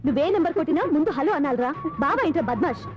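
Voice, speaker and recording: An actress playing a sharp-tongued young woman who scolds a caller and hurls insults at him. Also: sits high, lively intonation, racing, muffled recording, music in the background. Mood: scolding. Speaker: angry caller on the phone. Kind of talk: film comedy dialogue.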